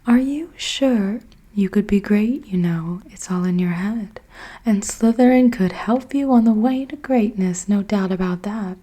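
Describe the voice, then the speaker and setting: A woman's voice: mid-range voice, measured pace, dark tone, natural voice. A woman voicing a wise old talking hat in a whispered storybook reading. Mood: musing.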